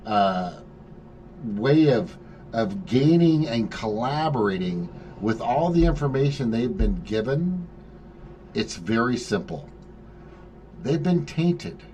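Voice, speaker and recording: A male host leads a loose group chat and talks in long, animated runs, swearing often and restarting his sentences. His voice sits at an ordinary pitch for a man. A faint hiss of background noise runs under the recording. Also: muffled recording. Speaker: podcast host.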